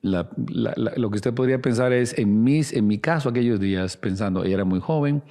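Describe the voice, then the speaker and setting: A man's voice: medium pitch, normal speed, dark tone. A man preaching a sermon as a pastor, earnest and speaking straight to the listener with direct questions. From Latin America.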